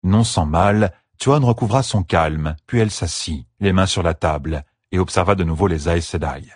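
A man narrating an audiobook in an even, measured storytelling voice on a close studio mic. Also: low voice, no echo. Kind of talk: scripted narration.

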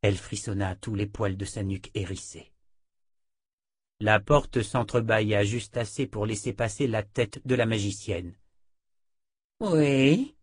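Man narrating a novel, hushed. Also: on the low side, fairly even intonation, normal speed, breathy edge, dry recording, studio quality. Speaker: audiobook narrator. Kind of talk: scripted narration.

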